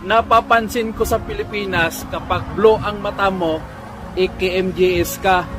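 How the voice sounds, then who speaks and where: A man's voice: sits high, fairly even intonation, normal speed, close to an everyday voice. A man voicing a sly, drawling young joker.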